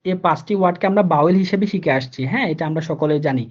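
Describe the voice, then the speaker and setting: A man's voice: fairly high pitch, racing. Man teaching, lo-fi sound. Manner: repetitive, explaining step by step with many fillers. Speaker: German language teacher. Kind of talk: live online class lesson.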